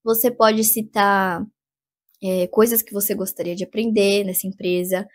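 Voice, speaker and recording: A young Brazilian woman with a Brazilian Portuguese accent, chatting casually through advice in a vlog, animated and full of fillers. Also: medium pitch, moderate pace. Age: young adult. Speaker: vlogger giving job interview advice.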